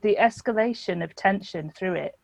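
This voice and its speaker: A woman talks in a casual film discussion. Her pitch sits in the middle range and her delivery is expressive and emphatic. The sound is dry, with little room in it. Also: moderate pace, creaky, dry recording. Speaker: podcast guest.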